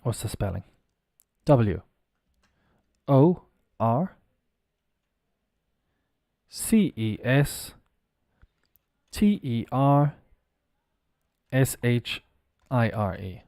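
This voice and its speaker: A man's voice: medium pitch, expressive, extremely slow, vocal fry, pauses often, warm tone, no echo, clean studio sound. A man teaching English pronunciation on a live stream, spelling words out letter by letter and chatting casually as he goes.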